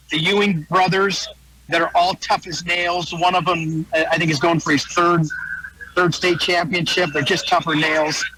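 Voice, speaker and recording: A man's voice: a little high, pushed and bright, husky, no room sound, rough recording. An American man giving a folksy, casual sports preview as a guest wrestling analyst, repeating phrases for emphasis.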